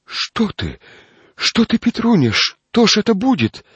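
A man reading a storybook aloud, voicing a gentle, frightened young peasant girl with a soft, tearful voice. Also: mid-range voice, expressive, normal speed, slightly rough, no echo, pitched above the performer's own voice. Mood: anxious pleading.

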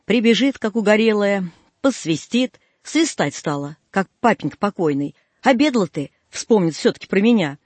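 Husky high-voiced male audiobook reader. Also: moderate pace, dry recording. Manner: folksy, plaintive storytelling. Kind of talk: first-person folk tale narration.

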